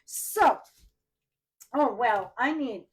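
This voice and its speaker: Speaking extremely slowly yet animatedly in a fairly high voice, a French-speaking woman with a French Canadian accent runs a live card-making tutorial. She's chatty, thinks out loud, and puts questions straight to her viewers while she works.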